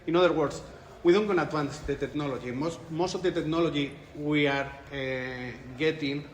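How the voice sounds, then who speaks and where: A researcher from Spain in his forties is interviewed at a conference, responding thoughtfully in Spanish-accented English and often beginning his phrases again. His voice is on the high side and his pace moderate. The recording has an echoey room with light ambience.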